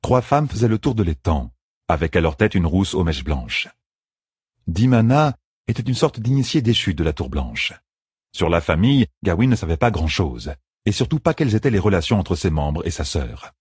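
A man narrating a fantasy audiobook in a measured, storytelling manner with a husky voice. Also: low voice, sing-song, darkish tone, no echo, clean studio sound.

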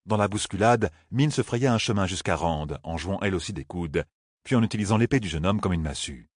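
A man narrating a fantasy audiobook in a lively, expressive reading. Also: deep voice, fairly quick, breathy edge, no room sound, studio quality.

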